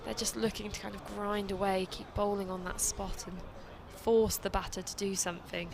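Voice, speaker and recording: A woman's voice: mid-range voice, little pitch movement, moderate pace, vocal fry, crowd noise. A woman commentating live on a cricket match, calling the play and trading jokey banter with her co-commentator. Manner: chatty, joking banter between calls of play.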